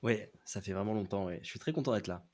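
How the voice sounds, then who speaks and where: A man, a podcast guest, explaining a series in a casual, hesitant way with many pauses. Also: on the low side, a little mellow. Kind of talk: casual chat.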